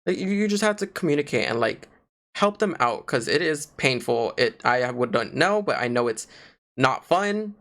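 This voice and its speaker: A man's voice: medium pitch, moderate pace. Young guy cohosting a chill podcast, rambly, says like a lot. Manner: rambling, lots of "like" fillers, animated. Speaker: podcast co-host. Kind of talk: casual chat.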